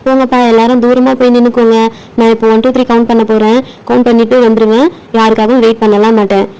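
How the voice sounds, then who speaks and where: A teasing, bossy young doll girl , as a woman puts her on, from a doll play story. She talks fast in a smooth, mellow voice with a rather flat pitch. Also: natural voice, poor audio.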